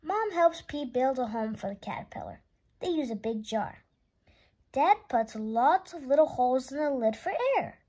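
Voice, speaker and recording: High-pitched, animated woman reading a picture book. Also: moderate pace, slightly rough. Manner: expressive, stretches words for young listeners. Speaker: children's book reader.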